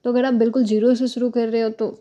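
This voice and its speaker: A woman's voice: on the high side, flat delivery, fast, mellow. A young woman teaching exam preparation in a casual, direct manner, advising viewers and addressing them as friends. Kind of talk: casual explanatory lesson.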